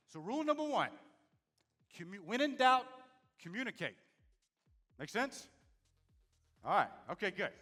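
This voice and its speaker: A man with a high voice speaks on leadership and communication from a stage before a live audience. He's lively, addresses the crowd directly, and asks "make sense?"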